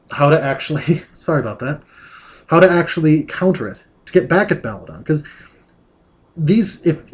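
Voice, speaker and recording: A man's voice: fairly high pitch, a little mellow. A man reading a novel aloud and breaking off to criticize its writing in a dry, nitpicking, digressive way.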